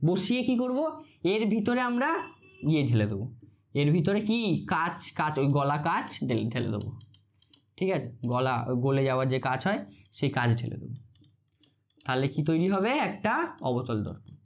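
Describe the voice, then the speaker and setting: A man's voice: fairly high pitch, sing-song, normal speed, pauses often. A male physics tutor giving an informal classroom lecture. He asks the same question again and again, answers it himself, and stumbles over technical terms.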